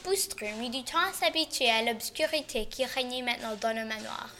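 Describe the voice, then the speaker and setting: A woman reads a children's Christmas story aloud. Her voice is high and bright, and her reading is expressive, shifting in loudness. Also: moderate pace, faint music behind.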